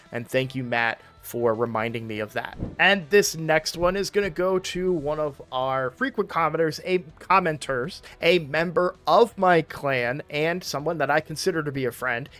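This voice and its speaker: A man's voice: a little high, fairly bright tone. A man hosting a casual gaming video from a room in his home, talking in a chatty way and often correcting himself mid-sentence. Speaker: gaming channel host.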